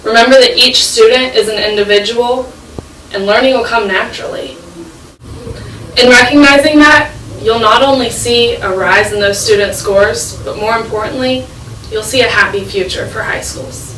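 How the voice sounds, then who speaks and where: An earnest teenage girl with a fairly high voice gives a persuasive speech and drives her points home with repetition. She is recorded from a distance in an echoey room with faint noise behind her. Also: moderate pace, fairly bright tone. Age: late teens. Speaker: high school student speaker. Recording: echoey room, mic far off.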